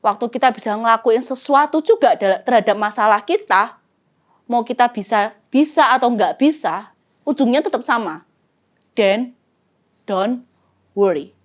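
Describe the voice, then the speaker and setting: A woman with an Indonesian accent preaching at a youth service, talking casually, mixing in English phrases and asking and answering her own questions. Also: a little high. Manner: talks casually to youth, role-plays prayers. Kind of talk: sermon. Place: church, streamed service.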